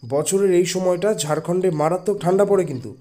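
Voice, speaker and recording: Man voicing a curt secretive husband, high for a man, mellow dark tone, faint music behind. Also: fast talker, lightly acted. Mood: evasive. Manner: curt, brushing off questions. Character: irritable secretive husband, middle-aged man. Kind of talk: Bengali audio drama acting.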